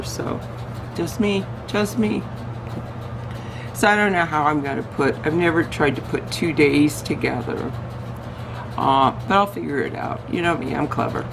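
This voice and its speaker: A woman vlogger chatting in a rambling, digressive way, her voice going hoarse as she loses it. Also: lowish voice, rough recording. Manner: chatty, digressive, self-interrupting. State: losing her voice. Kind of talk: casual rambling vlog chat.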